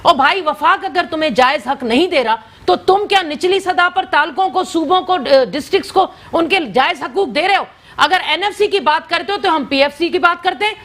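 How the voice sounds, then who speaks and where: A woman's voice: very high voice, a bit bright. A woman from Sindh, a political guest in a TV studio, arguing insistently and talking over the host in a heated debate. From Sindh, Pakistan. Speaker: political guest on a TV talk show.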